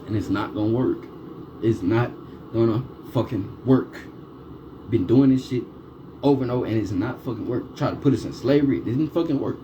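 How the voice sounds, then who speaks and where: A man's voice: mid-range voice, moderate pace, dull audio. A man delivering a ranting monologue, swearing heavily and firing off repeated rhetorical questions. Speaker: vlogger. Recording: steady background noise.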